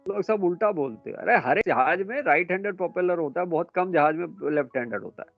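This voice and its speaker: A man lecturing students in a classroom, brisk and a little scolding as he quizzes them. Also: sits high, lively intonation, vocal fry, highs cut off, soft background music. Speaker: instructor.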